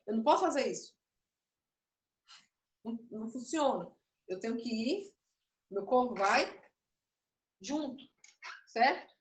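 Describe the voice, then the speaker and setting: A woman teaching a puppetry class online, explaining and demonstrating, a little nervous. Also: a little high. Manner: explanatory, demonstrative, self-interrupting. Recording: echoey room, voice from afar.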